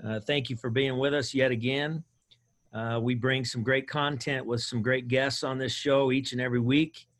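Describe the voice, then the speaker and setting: A man's voice: medium pitch, steady tone, moderate pace. A man hosting a podcast, enthusiastic and chatty, rambling a little with restarts. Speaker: podcast host. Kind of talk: casual interview hosting.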